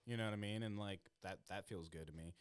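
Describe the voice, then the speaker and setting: A man's voice: low-pitched, fast talker, clear, resonant tone. A man hosting a podcast in casual chat, rambling and swearing freely. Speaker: podcast host.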